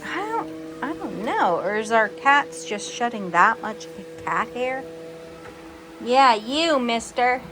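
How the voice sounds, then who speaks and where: A woman's voice: fairly high pitch, big pitch swings, slow pace, music in the background. A young adult woman hosting a home video, chatting casually with a child.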